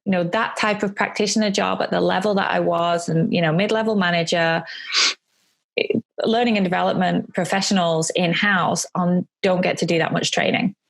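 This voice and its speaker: A woman's voice: lowish voice, fairly even intonation, moderate pace, gravelly. A woman, answering interview questions chattily with frequent ums and self-corrections. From England. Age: 40s. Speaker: guest, coach and author.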